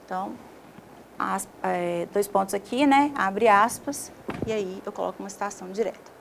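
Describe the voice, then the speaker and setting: A woman's voice: medium pitch, normal speed, vocal fry, slight background noise. A woman, a teacher explaining a video lesson step by step and checking in often with her students. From Brazil.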